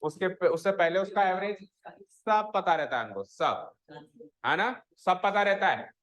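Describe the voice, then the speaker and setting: A man's voice: sits high, lively intonation, unhurried, fairly bright tone. A man teaching a school maths class, mixing Hindi with English and drilling students on pronunciation. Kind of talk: classroom lecture.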